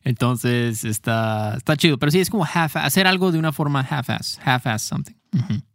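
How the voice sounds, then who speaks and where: A man's voice: mid-range voice, lively intonation, normal speed, fairly bright tone, dry recording, studio quality. A man co-hosting a casual podcast on slang, laughing often and slipping English phrases into his talk. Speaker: podcast co-host teaching Mexican slang. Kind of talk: casual bilingual podcast chat.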